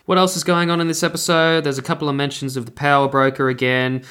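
A man's voice: a little high, flat delivery, quick pace, a bit bright, smooth. A young man giving a casual, rambling spoken review of a TV episode, often stopping to correct himself. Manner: rambling, self-correcting, chatty.

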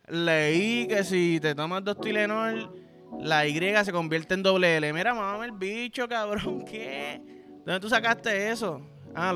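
A young Puerto Rican man hosting a podcast, ranting profanely and acting out the people he complains about. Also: high-pitched. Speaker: podcast host. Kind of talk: solo comedic rant.

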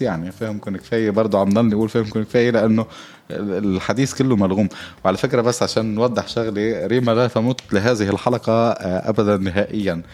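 A man with a Lebanese accent hosting a casual comic monologue, joking and rambling with lots of halting fillers. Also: deep voice, darkish tone. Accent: Lebanese Arabic. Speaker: podcast host.

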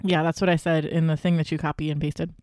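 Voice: medium pitch, flat delivery, darkish tone, no room sound. Podcast co-host, casual beer-tasting chat, playful, chatty, dry close sound. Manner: chatty, playful, quick asides.

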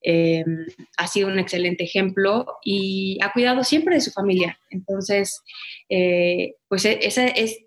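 A woman's voice: mid-range voice, measured pace. A woman, a guest talking in a casual interview and acting out quotes as she tells her story. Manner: animated storyteller, acts out quotes. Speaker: guest, former pageant winner.

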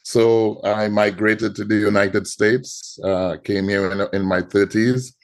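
Here a guest artist on a podcast interview, a middle-aged Trinidadian man, recounts his story, frequently repeating words. He speaks slowly in a lowish voice with fairly even intonation.

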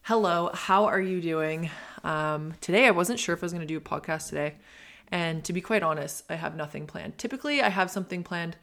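Young woman, solo podcast host, earnest rambling talk, slightly low voice. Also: fairly quick, a bit bright. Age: 20s. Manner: reflective, earnest, rambling with fillers. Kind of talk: casual solo podcast monologue.

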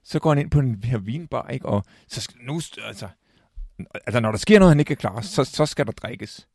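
Gravelly Danish man chatting about a film. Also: mid-range voice, animated, a little mellow, no echo, studio quality. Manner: halting, many restarts and fillers, retells scenes. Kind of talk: casual film discussion.

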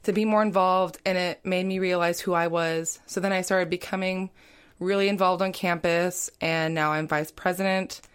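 A woman's voice: lowish voice, fairly even intonation, normal speed, clean tone. A young adult woman, a college student, talking casually as a podcast guest and filling her speech with "like" and "you know". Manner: chatty, heavy on "like" and "you know". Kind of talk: casual interview talk.

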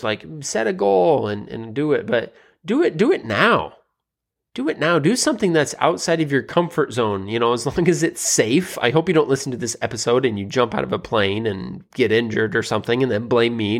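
Rambling male podcast host. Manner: rambling, with many fillers and restarts; grows more emphatic and pitch rises toward the end. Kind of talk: casual motivational monologue.

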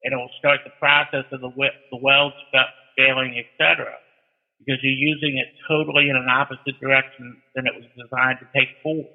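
A man's voice: medium pitch, little pitch movement, a little fast, creaky. A man explaining technical matters casually in a folksy storytelling way, like an experienced instructor. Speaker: towing instructor and guest. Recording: thin, narrow-band phone-like line.

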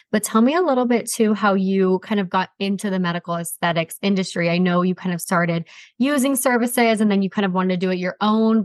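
A woman's voice: lowish voice, no room sound. A woman hosting a beauty podcast, upbeat and enthusiastic, asking casual questions and often saying "kind of". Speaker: podcast host.

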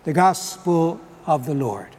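A man, a priest, reading the Gospel and preaching at Mass in a measured, solemn way, his voice carrying a cathedral echo. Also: fairly high pitch, expressive, noisy background. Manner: measured, solemn liturgical delivery. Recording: long church reverb.

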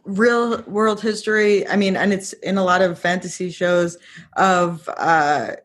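A podcast co-host in casual discussion, reflective and quick to laugh. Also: mid-range voice, steady tone, a bit bright.

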